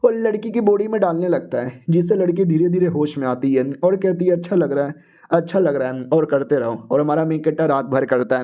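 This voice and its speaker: A man's voice: high-pitched, warm tone, lo-fi sound. A young man casually retelling a manga story, chatty and slangy, voicing every character himself. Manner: chatty and slangy, addressing listeners as "yaar". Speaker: manga explainer narrator.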